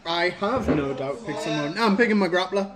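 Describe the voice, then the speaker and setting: A man's voice: sits high, expressive, normal speed, crowd noise. A man from England, playing a tabletop wrestling game in playful, jokey chat. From northeast England. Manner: playful, jokey, makes silly sound effects.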